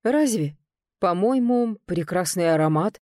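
A woman voicing a cold, calculating young nobleman who speaks calmly and without hurry. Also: lowish voice, no room sound, studio quality. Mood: cool. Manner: calm, measured and unhurried. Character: cold, calm, calculating young male lord.

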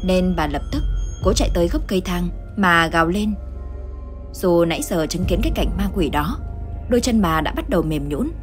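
A woman narrating a ghost story in a steady, dramatic reading. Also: on the low side, normal speed. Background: faint background music.

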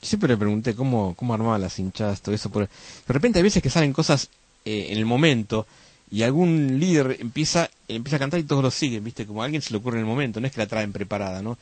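A man's voice: medium pitch, lively intonation, quick pace, a little mellow, no echo. An older man with an Argentine accent, a radio host telling rambling football memories with lots of fillers in casual chat.

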